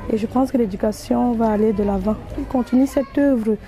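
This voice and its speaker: A woman from the school staff speaks earnestly and plainly in an interview. Her voice is fairly high yet soft and mellow in tone. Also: a little fast. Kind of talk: interview statement.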